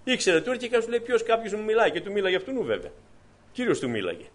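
Male preacher, slightly high voice, chatty storytelling sermon with fervent peaks. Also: big pitch swings. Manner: storytelling with emphatic rising bursts. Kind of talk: informal sermon.

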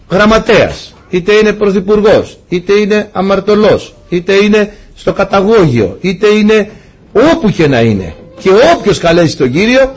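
A middle-aged man delivers a sermon with a husky, slightly high voice. His pitch swings widely as he preaches with energy, and he chuckles at his own anecdotes. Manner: lively preaching, rising in pitch and laughing at his own stories.

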